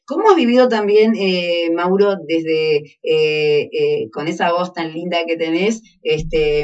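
Distant Argentine woman radio host. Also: sits low. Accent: Argentine Spanish. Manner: relaxed, chatty, uses fillers. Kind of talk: casual interview. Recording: distant, dull lo-fi mic.

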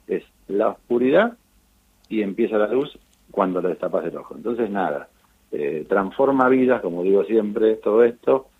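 Gravelly Argentine man on a tinny line. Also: on the low side, moderate pace. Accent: Argentine Spanish. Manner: animated storytelling with frequent fillers and restarts. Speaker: eye surgeon on charity missions. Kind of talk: relaxed interview talk. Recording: tinny phone-line sound.

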